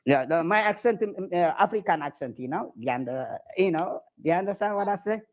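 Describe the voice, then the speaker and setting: Picture a man with an Eritrean accent who jokes his way through a flirty video call. His broken English comes out boastful and teasing, pitched fairly high and swinging widely up and down. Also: expressive, brisk. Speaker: comedian prank-chatting. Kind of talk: comic flirting video chat.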